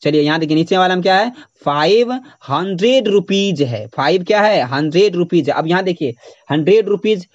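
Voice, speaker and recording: A man's voice: sits high, expressive, fairly quick, dull audio. A man teaching English grammar in a lecture, explaining step by step, repeating points and spelling words out letter by letter. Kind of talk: lecture to students.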